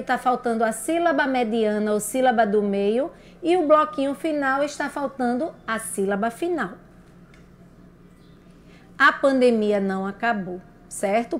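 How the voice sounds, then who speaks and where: High-voiced lady teacher, slow and careful, sounding out syllables for little kids. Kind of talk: children's lesson on syllables. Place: broadcast lesson for radio and video.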